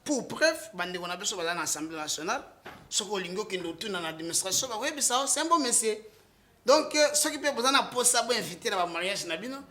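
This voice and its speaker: A man's voice: sits high, expressive, quick pace. Emphatic Congolese man defending a politician. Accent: Congolese French. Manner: emphatic, rising to loud outbursts, with restarts. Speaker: political guest, party supporter. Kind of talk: impassioned political talk, mixing French and Lingala.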